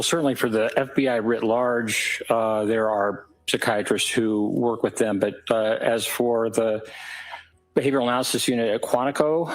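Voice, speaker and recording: A man giving formal testimony in a courtroom as an expert witness, answering carefully and haltingly. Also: medium pitch, low-quality recording. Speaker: expert witness, psychiatrist and professor.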